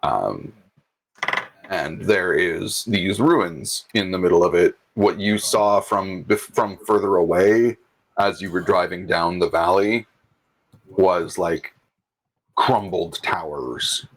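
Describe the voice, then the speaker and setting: A man with a very low, husky voice runs a tabletop game. He talks in a relaxed way, often pausing on fillers while he hunts for the right word. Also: rough recording. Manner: relaxed, searching for words with many fillers. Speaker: game master.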